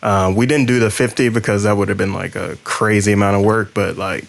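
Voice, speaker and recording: A man's voice: lowish voice, fairly even intonation, brisk, creaky. A man co-hosting a podcast, introducing the episode in loose, rambling explanations. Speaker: podcast co-host. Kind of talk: casual podcast chat.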